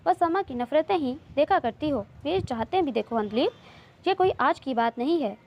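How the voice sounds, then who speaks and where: A teasing, loving young man from a romance novel, read aloud by a woman. He talks playfully and keeps pressing his point. The voice is fairly high, with a faint hiss of background noise. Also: animated, moderate pace, lo-fi sound. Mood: teasing, tender. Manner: playful, coaxing, insistent.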